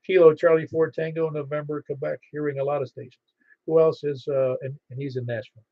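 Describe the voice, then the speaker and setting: A man acting as net controller on amateur radio, calling for check-ins haltingly and repeating call signs in phonetics. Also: fairly high pitch, level tone, no echo. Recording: dull, band-limited ham radio audio.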